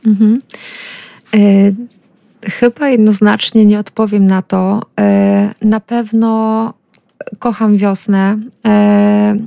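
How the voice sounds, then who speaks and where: A woman's voice: medium pitch, creaky, dark tone, no echo. A woman speaking as a radio guest, a forest bathing guide talking thoughtfully with many hesitations. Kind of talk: casual radio conversation.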